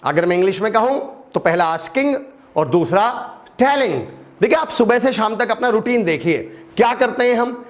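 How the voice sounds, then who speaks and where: A middle-aged man teaching an English lesson in an animated way, asking and answering his own questions. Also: high voice, moderate pace. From India.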